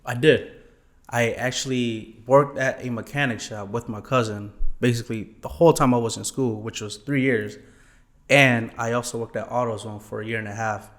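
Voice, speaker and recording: A man's voice: medium pitch, steady tone, moderate pace, fairly bright tone. A young man from Thailand answering interview questions politely, often saying yes sir and um. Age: young adult. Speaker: guest, former college student.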